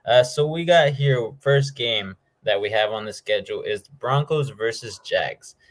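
A man with a fairly low voice hosts a football picks show. He talks informally, in a casual, slangy way, as he moves through his predictions. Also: expressive, unhurried. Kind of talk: casual sports talk, game predictions.

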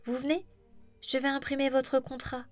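A woman plays a sharp, elegant businesswoman who hands out decisions without waiting for an answer. The voice sits higher and pushes louder than the storyteller's own, clipped and detached. Faint music runs behind her. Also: little pitch movement, dry recording, close to an everyday voice. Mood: brisk. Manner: brisk, commanding, detached.

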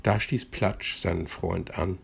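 Calm male bedtime reader, low and husky, slow and gentle. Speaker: storyteller. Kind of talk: bedtime story reading.

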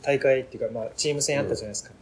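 A man in a casual podcast chat, polite and quick to laugh at himself. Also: mid-range voice, fairly even intonation.

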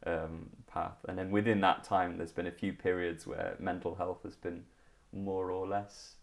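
His voice sits low and gravelly, moves little in pitch, and comes out a little slowly. He is a comedian in his thirties from Liverpool, England, with a Liverpool accent, appearing as a casual interview guest full of ums and restarts.

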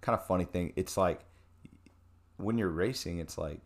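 A young man telling a travel story in casual chat, animated, with many fillers and restarts. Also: low-pitched, moderate pace.

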